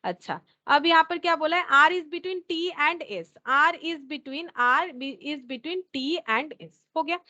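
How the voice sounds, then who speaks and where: A woman teacher with a high voice walks through a problem, repeating each step as she thinks it out. She slips English terms into her explanation. The recording sounds a little dull and lo-fi. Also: expressive, takes it slowly, few pauses, pushed and bright. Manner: mixes English terms into Hindi. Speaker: reasoning teacher. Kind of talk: explaining a test question.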